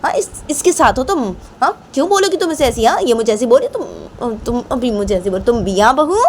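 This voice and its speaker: A woman's voice: a little high, big pitch swings, brisk, a little hiss or hum, voice pushed up. A woman voicing a suspicious, touchy grandmother who scolds in accusing, repeated questions. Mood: angry.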